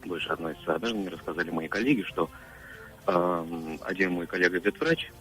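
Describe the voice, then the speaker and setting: A man from Moscow calling a radio show, speaking haltingly as he searches for words. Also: low-pitched, poor audio. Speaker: caller. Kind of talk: phone-in question.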